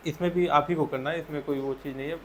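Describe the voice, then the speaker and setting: A man's voice: a little high, fairly even intonation, fast talker, slight background noise. A man teaching a school textbook chapter, patiently explaining answers and asking leading questions to his students.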